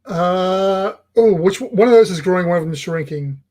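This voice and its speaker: A man co-hosting a casual live stream, easygoing and joking in quick back-and-forth. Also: sits high, warm tone. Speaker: co-host of a live ocean talk stream.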